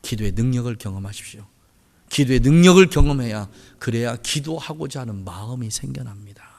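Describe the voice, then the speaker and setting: Male pastor, high and lively voice, impassioned sermon in a reverberant church hall. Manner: impassioned, swings between loud pleading and hushed murmurs. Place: church sanctuary.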